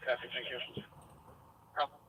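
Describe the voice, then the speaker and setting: A man's voice: normal speed, pushed and bright, poor audio. A man heard over a police radio, giving terse, businesslike dispatch calls in clipped radio codes. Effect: police radio transmission.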